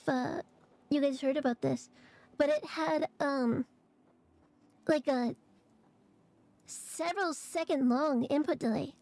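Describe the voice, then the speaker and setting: A woman streamer chatting casually and haltingly, her voice phlegmy and rattly in the chest, congested from allergies. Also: high voice, a little mellow. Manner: halting, hesitant, trailing phrases. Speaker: vtuber streamer. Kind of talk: casual livestream chat.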